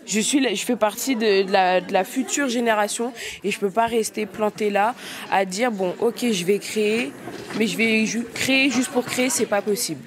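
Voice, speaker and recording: A woman's voice: mid-range voice, moderate pace, a crowd in the background. A nineteen-year-old woman from Paris, a fashion student, answering an interview with many hesitations and restarts. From Paris, France.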